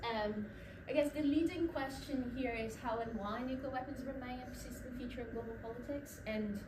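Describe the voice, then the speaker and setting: A young Brazilian academic woman, her Brazilian accent tinged with New Zealand vowels, presents at a conference in a lecture room. Her voice is a little high, and she often pauses on ums and restarts while telling her story. She's far from the mic, captured across an echoey room with background noise.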